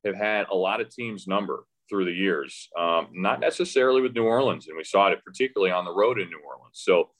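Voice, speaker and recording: A deep, fairly bright male voice moves briskly with hardly any pauses. He's a radio play-by-play announcer appearing as a podcast guest, chatting casually about the game; he comes across hesitant and conversational, with frequent false starts and restarts.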